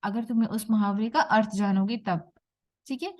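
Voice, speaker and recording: A woman's voice: medium pitch, normal speed, a little mellow. A woman teacher explaining a lesson to young pupils, patiently repeating each point and checking that they follow.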